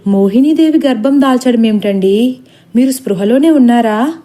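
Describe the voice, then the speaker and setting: A woman's voice: fairly high pitch, normal speed, mellow, natural voice. A woman voicing an anxious middle-aged mother in a storybook reading, pleading and alarmed.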